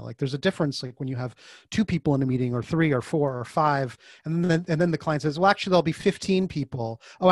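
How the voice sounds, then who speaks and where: Joining a podcast by video call, an author and design facilitator talks in a slightly high voice with no room sound. The interview is casual and conversational, and he is animated, slipping into the voices of the people in his stories mid-tale.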